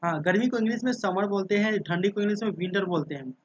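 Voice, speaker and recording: High-voiced man teaching English words. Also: quick pace, breathy edge, dry recording. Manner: drills words by spelling them out letter by letter; repetitive, checks in with listeners often. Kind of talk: casual spoken lesson. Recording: dull, dry lo-fi sound.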